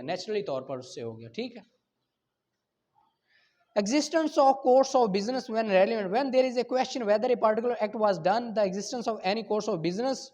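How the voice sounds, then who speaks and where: On a dull, lo-fi recording, a man with a Pakistani accent teaches law in lecture style, reading statutes before explaining them. His high, darkish voice poses rhetorical questions and checks whether students are following.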